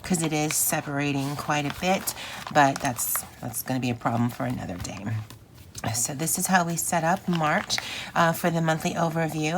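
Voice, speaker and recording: Her voice low, phlegmy and rattling with morning congestion, a planner channel host rambles in a chatty, casual craft vlog. Background noise can be heard.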